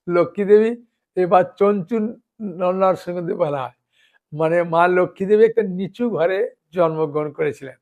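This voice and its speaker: A male monk delivers a devotional sermon in a rather high voice. He keeps checking that his listeners follow him and recites lists of names slowly, one at a time. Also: creaky, a little mellow. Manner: keeps asking listeners "understood?". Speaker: monk preacher.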